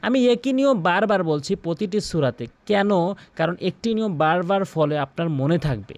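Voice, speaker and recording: A man teaching a Quran recitation lesson, repeating each sound slowly so listeners can practise along. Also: high voice, expressive, dry recording. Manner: stretches out chanted recitation in a drawn-out melodic voice. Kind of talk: pronunciation lesson.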